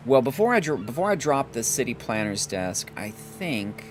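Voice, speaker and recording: A hoarse man casually commenting on his gameplay as a let's play host, thinking aloud and correcting himself. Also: medium pitch, big pitch swings, moderate pace, a little hiss or hum.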